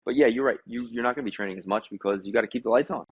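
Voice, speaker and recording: A man's voice: mid-range voice, rapid-fire, slightly rough, no room sound. A man in his forties with an American accent, a gym owner who is a guest on a podcast, telling stories casually with lots of fillers and acted-out quotes. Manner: animated storyteller who acts out quotes, many fillers. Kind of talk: casual conversational storytelling. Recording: dull lo-fi sound.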